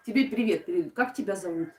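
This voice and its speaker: On a craft live stream, a woman from Odesa answers her viewers' comments in a chatty, warm way, full of fillers and laughter. Her Russian carries a southern Ukrainian accent with a soft g and "sho," delivered in a mid-range voice at normal speed. Slight background noise accompanies a roomy sound from a far-off mic.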